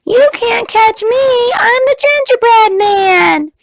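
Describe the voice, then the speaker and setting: A woman voicing a cocky gingerbread cowboy boy in a storybook read-aloud, chanting in a high, sing-song taunt. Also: slow, creaky, heavily acted.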